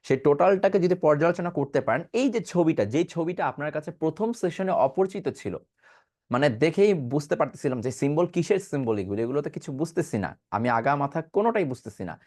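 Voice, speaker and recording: A man's voice: on the high side, darkish tone. A man giving an online pronunciation class, asking questions and answering them himself, and demonstrating sounds. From Bangladesh. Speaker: pronunciation teacher.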